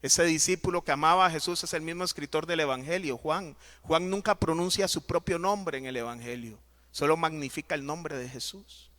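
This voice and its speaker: A man preaching a sermon as pastor, emphatic and dramatic, swinging between loud and soft. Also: on the high side, normal speed.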